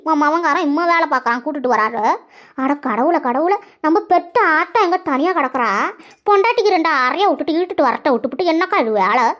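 A woman plays a gossipy old village woman in a cartoon, needling a friend with prying questions in a very high, squeaky voice. The recording sounds dull and lo-fi. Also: fairly bright tone. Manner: teasing, nosy, needling questions. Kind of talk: cartoon voice acting.

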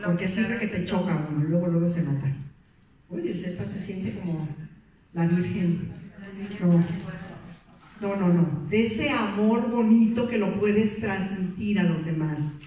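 A woman's voice: on the low side, a little slow, warm tone. A woman giving a playful motivational talk to a meeting, teasing her audience with questions. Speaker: motivational speaker. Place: meeting hall. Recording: echoey hall recording from far off.

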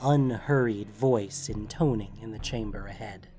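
A man giving dramatic, steady scripted narration of a story. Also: on the low side, measured pace, faint music behind.

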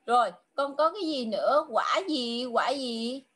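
High-voiced woman coaxing a child. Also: expressive, a bit bright. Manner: coaxing, repeats questions patiently; slow, drawn-out English clues. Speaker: tutor. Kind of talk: online English lesson for a child.

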